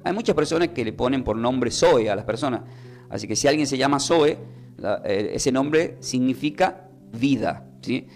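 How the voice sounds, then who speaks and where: A man's voice: medium pitch, animated, moderate pace, faint music behind. A man, preaching a live-streamed sermon as a pastor and explaining word meanings step by step. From Argentina.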